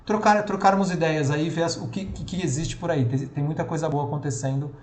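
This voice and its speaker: A man with a São Paulo accent runs a training call in a fairly high voice, casual and full of fillers and restarts. His voice carries an echo from the room. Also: fairly even intonation, brisk, a little mellow. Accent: São Paulo Portuguese. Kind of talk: online training session.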